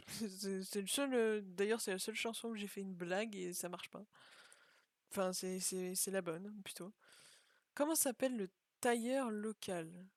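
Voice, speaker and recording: A woman's voice: mid-range voice, a little slow, dry recording, studio quality. A young woman chatting casually as she plays and comments on a video game, thinking aloud and joking at herself. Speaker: gaming video creator.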